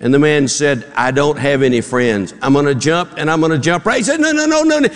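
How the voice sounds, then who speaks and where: Speaking fairly quickly and with plenty of animation, this pastor has a voice on the high side. He preaches to his congregation in a Southern drawl, telling homespun jokes and voicing each character. The large church hall adds long reverb.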